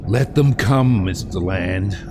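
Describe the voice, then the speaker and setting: An actor playing a brooding, defiant middle-aged submarine captain in a cinematic audio drama, grave, theatrical and deliberate, with loud music under him. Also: male voice, low voice. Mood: defiant, menacing.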